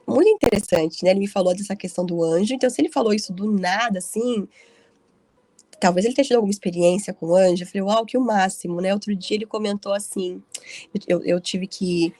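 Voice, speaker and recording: A woman's voice: medium pitch, fast, mellow, no echo. A woman leading a casual group Bible study, telling stories in a chatty way with frequent tag questions. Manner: chatty storytelling with frequent "né" tags.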